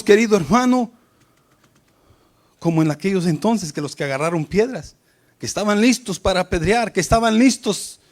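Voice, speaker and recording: A man with a high voice preaches a sermon to his congregation. His delivery rises and falls for emphasis, and he often addresses his listeners as brothers.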